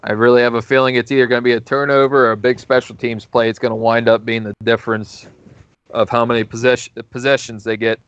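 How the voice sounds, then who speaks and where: Smooth-voiced male play-by-play caller. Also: mid-range voice, quick pace, no echo, highs cut off. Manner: calls plays in steady descriptive runs. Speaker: play-by-play announcer. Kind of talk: live play-by-play commentary.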